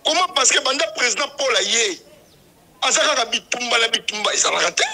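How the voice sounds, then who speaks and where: High, bright-voiced insistent man. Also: expressive, fairly quick, creaky. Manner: insistent, emphatic, repeats his points. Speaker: club supporter. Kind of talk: heated interview talk.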